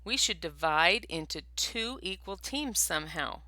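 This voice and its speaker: A woman voicing a small, brave female mouse in a storybook, with a high, earnest, squeaky voice. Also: animated, a little slow, sharp tone, no echo.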